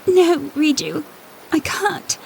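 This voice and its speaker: A woman's voice: very high-pitched, fairly even intonation, slow, a little hiss or hum, full character voice, low-quality recording. A woman playing an anguished young princess torn between duty and love, pleading earnestly in an audio drama. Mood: troubled, resisting. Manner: pleading, earnest, breathy hushed delivery.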